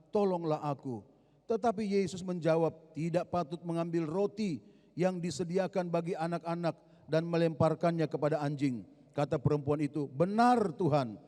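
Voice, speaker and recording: A man's voice: fairly high pitch, dark tone. Man preaching in an echoing church hall. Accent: Indonesian. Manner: dramatic storytelling, voice rising to emphatic cries. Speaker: pastor. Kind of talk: sermon. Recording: long hall reverb.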